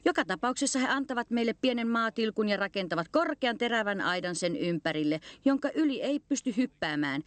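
A woman voicing a kindly old male bear who explains things loudly and earnestly. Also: on the high side, lively intonation, hardly any pauses, no room sound, voice pushed up, natural voice.

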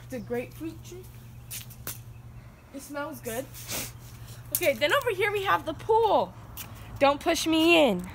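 A woman's voice: sits high, big pitch swings, unhurried, long pauses. Playful young woman giving a joking house tour. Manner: playful, giggly, mock-boastful. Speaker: vlogger. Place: large house and backyard. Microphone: handheld phone camera. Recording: roomy phone audio with background noise.

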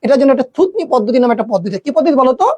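A woman's voice: sits high, animated, rapid-fire, warm tone, slightly rough, dry recording. A woman teaching an exam-prep grammar lesson, often quizzing her students with questions she then answers herself.

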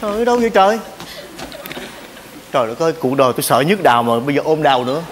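A man's voice: a little high, very animated, rapid-fire, a little hiss or hum. Blustery, exasperated guy in a comedy sketch. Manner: teasing, blustery, exclaiming often. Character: exasperated man named Long, home over Tet. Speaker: comedy stage actor. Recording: stage show in a big hall.

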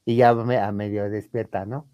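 A man with a Mexican accent telling a comic anecdote in a campy, theatrical way, acting out the women he quotes in a higher voice and laughing often. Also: level tone, moderate pace, warm tone, dry recording, studio quality. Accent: Mexican Spanish. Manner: laughs often mid-story. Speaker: storyteller on a chat show.

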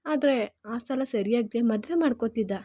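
Woman telling a sad story, low mellow tone. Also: normal speed, dry recording. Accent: Kannada. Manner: earnest, emotional retelling. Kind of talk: first-person story narration.

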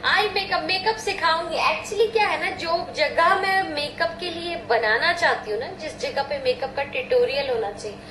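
A woman's voice: high-pitched, normal speed, few pauses, bright, forceful tone, a little hiss or hum. A middle-aged woman doctor chatting casually in a live chat, giggly and playful as she tells stories and answers questions. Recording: roomy echo.

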